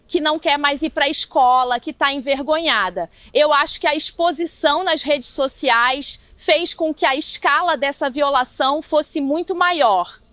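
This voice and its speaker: A woman's voice: high voice, unhurried, hardly any pauses, fairly bright tone, dry recording. A mother from Rio speaking in an interview clip, her voice disguised by an AI voice changer, talking in an upset, conversational way. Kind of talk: interview clip in a news report.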